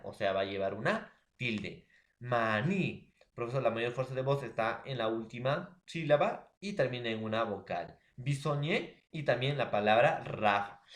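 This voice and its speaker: A man teaching a grammar lesson, explaining step by step and checking often with his listeners. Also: mid-range voice. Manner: explains step by step, calls the listeners "profesor" and "jóvenes". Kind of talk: classroom lesson. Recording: echoey room.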